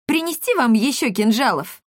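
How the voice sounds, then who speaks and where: A woman doing a gushing, high-pitched fawning cat. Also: big pitch swings, moderate pace, no room sound, studio quality. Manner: gushing, eager. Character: fawning excitable male cat servant.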